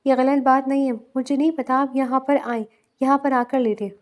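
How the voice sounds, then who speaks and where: A woman reading the lines of a grown man with a childlike, innocent mind, softly and stubbornly. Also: high-pitched, steady tone, lightly acted.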